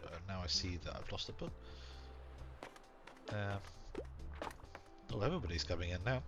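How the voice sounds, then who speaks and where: Low-pitched man doing relaxed game commentary over music. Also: moderate pace, dull audio. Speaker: gaming channel host. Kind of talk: casual let's-play commentary, reading game text aloud.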